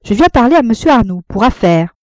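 A woman's voice: a little high, very animated, brisk, no room sound, pitched above the performer's own voice. A woman reading the lines of a bold, brash kept woman in a storybook, casual and offhand.

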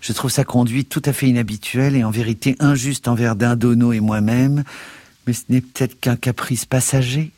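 A man's voice: medium pitch, steady tone, moderate pace, a little mellow, no echo, voice pushed up, close to an everyday voice. A man voicing a polite male office clerk who answers in a composed, deferential way.

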